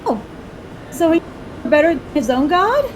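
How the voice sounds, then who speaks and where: A woman playing in a tabletop game over a voice call, speaking haltingly while her glitchy audio keeps cutting out. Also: sits high, sing-song, background noise. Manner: hesitant, halting phrasing. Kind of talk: casual roleplay chat over a voice call. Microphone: online voice call.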